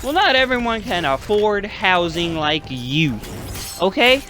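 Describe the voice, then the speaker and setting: A man's voice: high voice, sing-song, a little slow, bright, forceful tone, slight background noise. A young man in his twenties hosting a gaming channel, rambling through a casual story with lots of swearing and fillers.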